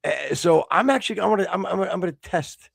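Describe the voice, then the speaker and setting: Rambling American man with a gravelly voice. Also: high voice, a little fast, no room sound, studio quality. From United States. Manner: rambling, many restarts, excitable outbursts. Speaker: podcast co-host. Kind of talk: casual podcast banter.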